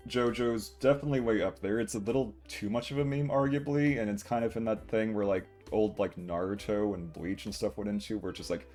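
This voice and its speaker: A man's voice: on the low side, fairly quick, few pauses, darkish tone. A young adult man livestreaming, chatting casually and rambling to viewers with occasional acted-out quotes. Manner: rambling, chuckling, acts out short quotes. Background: guitar music.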